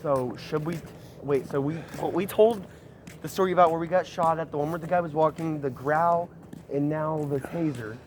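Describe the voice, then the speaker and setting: A man casually telling a scary story to friends while walking outdoors through a neighborhood, rambling and animated. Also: a little high, moderate pace, a little hiss or hum.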